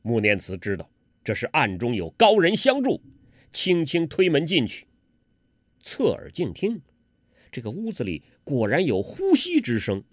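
Animated male storyteller, dry sound. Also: mid-range voice, unhurried, no echo. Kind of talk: dramatic story narration.

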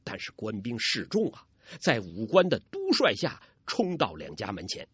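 Lively, dramatic male storyteller. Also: lowish voice, moderate pace, slightly rough, no echo. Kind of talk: traditional storytelling narration. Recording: dull, dry recording.

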